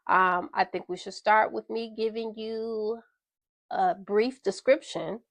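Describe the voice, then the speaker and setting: Talking straight to her audience, a podcast host delivers a candid storytime monologue in a slightly stuffy, congested voice. She speaks slowly in a steady mid-range with a fairly bright tone, and there's no echo.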